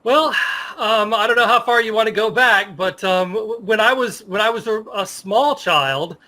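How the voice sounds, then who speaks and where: An American man in his fifties from Virginia, a sports media professional, tells stories as a guest in a casual interview, enthusiastic and reminiscing. His voice sits high with a sharp tone at a moderate pace.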